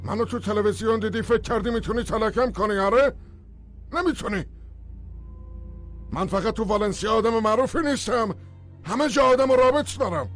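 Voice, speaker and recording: A man dubbing an arrogant locked-up man who shouts threats and demands to be let out. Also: high voice, close to an everyday voice. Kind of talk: dubbed film acting.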